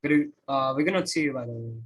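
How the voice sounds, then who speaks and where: A man's voice: medium pitch, fast talker, poor audio. A man hosts an online session over a video call, his voice plain with faint noise behind it. He prompts the speaker politely and patiently. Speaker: event moderator.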